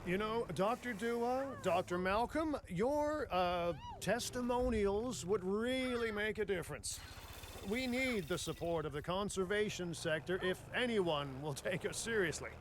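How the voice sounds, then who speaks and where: Flustered high-pitched park manager. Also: male voice, animated, unhurried, slight background noise. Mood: pleading, worried. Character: anxious, self-serving park manager guiding the player. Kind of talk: video game character dialogue.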